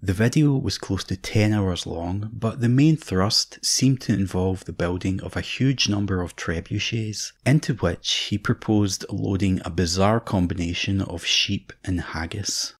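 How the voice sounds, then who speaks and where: A man narrating a scripted mock documentary in a measured, deadpan way. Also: deep voice, breathy edge.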